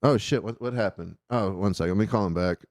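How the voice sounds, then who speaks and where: A man's voice: lowish voice, fast, darkish tone, dry recording, clean studio sound. A man hosting a call-in show, asking questions eagerly with lots of fillers. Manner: eager, rambling, many fillers. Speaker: host. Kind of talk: casual call-in interview.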